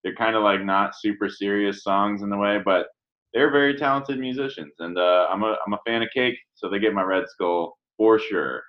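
A lower-voiced man, laid back and easygoing, chatting on a podcast. His audio is a bit dull and lo-fi, missing its top end. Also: normal speed. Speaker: podcast co-host. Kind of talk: casual chat. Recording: dull, lo-fi sound.

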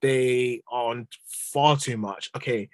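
A man's voice: mid-range voice, fairly even intonation, slow pace, darkish tone, no echo. A young man with an urban London accent and street slang, ranting in exasperation during casual football banter. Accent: London, urban street slang style. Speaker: football podcast panellist, Chelsea fan.

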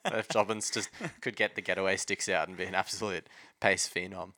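A man's voice: deep voice, steady tone, brisk, bright, forceful tone, no room sound, clean studio sound. An Australian man co-hosting a sports podcast with casual, wry, colloquial banter.

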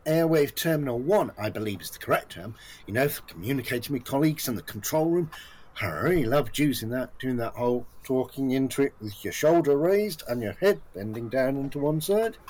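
In a comic audio play, a male actor voices a hapless, self-important former community police officer who rambles, overshares, and boasts chummily in a job interview, sounding proudly boastful. The mid-range voice is expressive, brisk, and darkish, with a light acting touch.

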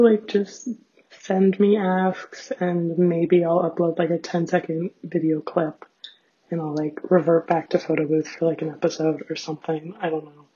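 Young woman with raspy vocal fry. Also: fairly low pitch, mellow. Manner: rambling, self-deprecating, filler-heavy with frequent "like". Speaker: host of a personal audio diary. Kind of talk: casual chatty solo diary. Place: small bathroom at home, sitting on floor. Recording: dull, lo-fi home recording.

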